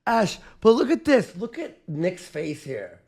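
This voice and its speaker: A man doing casual live stream reaction commentary. His voice sits high and swings widely, and he is exclamatory and animated, taking his time over the words. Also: unhurried, husky.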